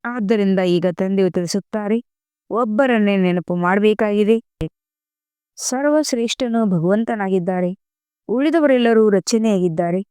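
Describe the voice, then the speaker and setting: A woman reads a devotional spiritual discourse in a slow, measured way, pausing for emphasis. Her voice is smooth and resonant, in a medium pitch. The recording is dry and close, with no room sound. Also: a little mellow, no echo. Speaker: murli reader.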